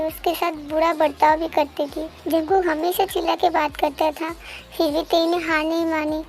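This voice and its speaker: A woman voicing a fiercely loyal young woman in a fan-dubbed story, loud, accusing and demanding. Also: sits high. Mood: explaining. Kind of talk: fan dub story voice acting. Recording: faint background music.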